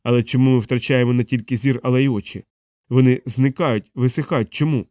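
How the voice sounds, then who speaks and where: A thoughtful male captain who reasons things through, as a male narrator voices him. His voice stays close to the reader's own, middle-pitched and dry. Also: fairly even intonation, fairly quick, a little mellow, dry recording, lightly acted. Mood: alarmed. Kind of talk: audiobook character voice.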